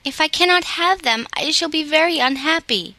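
A woman's voice: high-pitched, normal speed, sharp tone, no room sound, voice pushed up. A woman putting on a pleading little rich girl. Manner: pleading, earnest.

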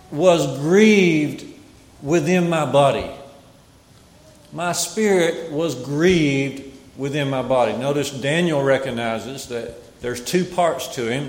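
A man delivering a Bible sermon in a measured, emphatic way, often repeating key phrases. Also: mid-range voice. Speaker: preacher. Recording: echoey hall with long reverb.

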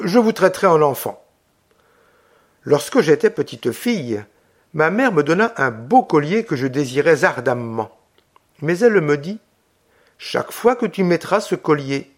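A man reading an audiobook, voicing a witty, teasing young English lady with a playful, lightly mocking manner. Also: a little high.

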